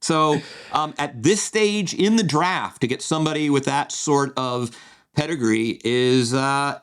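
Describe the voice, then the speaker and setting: Unhurried and medium-pitched, a male podcast co-host casually works through a draft analysis. His delivery rambles, restarting often and leaning on fillers.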